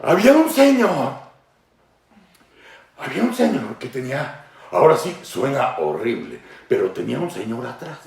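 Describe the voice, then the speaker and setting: A man with a Mexican accent hosting satirical political commentary, mocking and playful, acting out shouts and laughing often. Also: mid-range voice, big pitch swings, normal speed, creaky, pauses often, echoey room, far from the mic. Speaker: host.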